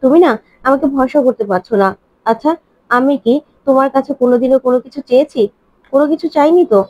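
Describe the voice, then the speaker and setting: Voicing an adult man, a woman with a high, slightly mellow voice pleads rapidly and reproachfully, question after question, sounding hurt, defensive and insistent. The recording is dry and dull.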